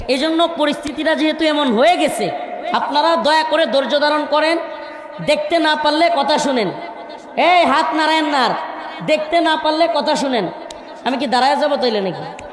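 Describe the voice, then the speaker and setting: A man with a notably high voice preaches from a packed stage, alternately pleading with and scolding the restless crowd to keep quiet. Now and then he slows into a chanted recitation of scripture. His voice carries through a stage mic and rings with long, roomy reverb over a faint crowd murmur. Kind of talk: sermon at a crowded religious gathering. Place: crowded stage at a large outdoor gathering.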